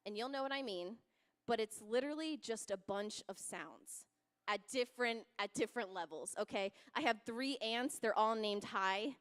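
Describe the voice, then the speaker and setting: Animated young woman in an echoing hall. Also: fairly high pitch, normal speed. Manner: animated, laughing, acts out voices. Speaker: youth speaker. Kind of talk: storytelling youth talk. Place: church youth hall. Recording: long hall reverb.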